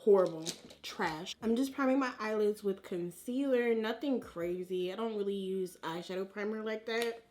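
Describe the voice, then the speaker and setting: A woman with a mid-pitched voice gives a relaxed-format makeup tutorial. She talks informally to her viewers as she applies products, using plenty of slang and chatting as if to friends. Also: normal speed. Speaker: beauty vlogger.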